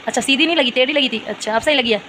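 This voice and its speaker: A woman's voice: sits high, racing, bright, forceful tone, slight background noise. A young woman vlogging at home, talking with her small daughter and the viewers, by turns coaxing and scolding. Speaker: vlogger and mother. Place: home, indoors.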